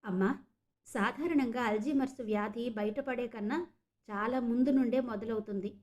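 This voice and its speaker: A woman voicing a calm, patient doctor. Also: fairly high pitch, normal speed, lightly acted. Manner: patient, explanatory. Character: calm middle-aged male doctor.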